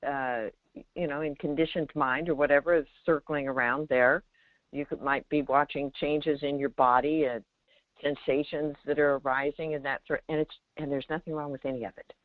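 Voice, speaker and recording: Speaking at normal speed in a deep voice with fairly even intonation, a woman guides callers spiritually as a meditation teacher, emphatic and quick to check in with rhetorical questions. The remote call audio has no echo but sounds dull and lo-fi.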